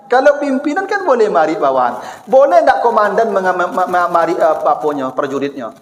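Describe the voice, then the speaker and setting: A man with a Minangkabau accent giving a sermon in a lively, teasing manner, acting out everyday exchanges. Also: high-pitched, moderate pace, slight background noise. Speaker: preacher. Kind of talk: lecture-style sermon. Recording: echoey hall with long reverb.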